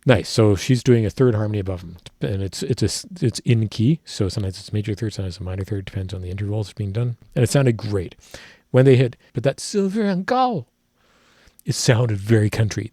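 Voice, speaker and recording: Male musician reacting to a track, husky and lowish, dry close sound, rambling, technical, self-correcting. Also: mellow, no echo. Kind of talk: casual music analysis.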